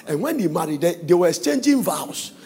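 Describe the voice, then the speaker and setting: A man preaching a sermon in a singsong, shouting style, breaking into laughter between points. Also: sits high, sing-song, brisk, breathy edge, long reverb tail.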